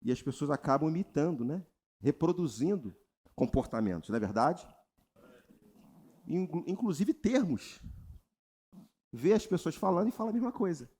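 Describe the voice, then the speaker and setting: A man's voice: moderate pace, pauses often, breathy edge. A Brazilian man preaching a sermon as pastor, calling on the congregation for responses and mimicking people's prayers. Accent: Brazilian Portuguese. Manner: animated preaching, mimics congregants in high voices, asks crowd for response. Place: church retreat service.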